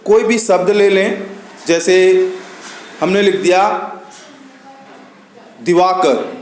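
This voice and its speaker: A man with an Indian accent explains grammar to students, going slowly and patiently and repeating each point. His voice sits high for a man. The sound echoes around the room. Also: slight background noise. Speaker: teacher.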